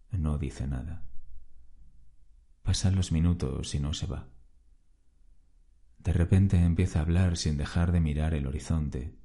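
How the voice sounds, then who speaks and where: A man, calmly narrating a first-person story as a podcast host. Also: rumbling low.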